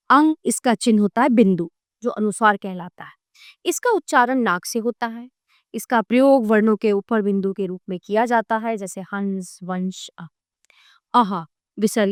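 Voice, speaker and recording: A woman narrating a grammar lesson for children, clear and measured, reading out word lists slowly. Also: medium pitch, no echo, studio quality. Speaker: teacher.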